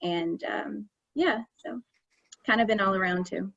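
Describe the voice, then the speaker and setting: A woman's voice: medium pitch, a little slow, gravelly, a bit bright, dry recording. A woman from Kentucky casually introducing herself in a group conversation on a video call. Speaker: attorney and panel participant. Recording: dull dry video call audio.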